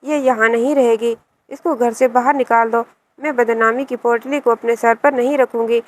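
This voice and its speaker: A harsh, scolding mother full of contempt, as a woman reading the story puts her on. The voice sits fairly high and never softens toward her son. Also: fairly even intonation, natural voice, low-quality recording. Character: angry scolding older mother, harsh and unforgiving.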